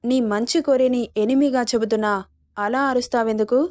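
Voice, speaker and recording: A woman's voice: a little high, fairly even intonation, normal speed, a little mellow, dry recording, clean studio sound, natural voice. A woman voicing an arrogant young man who taunts and threatens, in her own reading voice. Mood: taunting. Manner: mocking, threatening, smug. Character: arrogant, taunting young male college bully.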